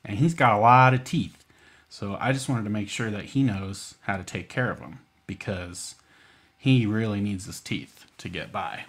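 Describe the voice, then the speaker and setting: An American man hosts a children's storytime at the library, coaxing and folksy in an informal style, often pausing to check in with questions. His voice is fairly low and a bit bright, at a moderate pace.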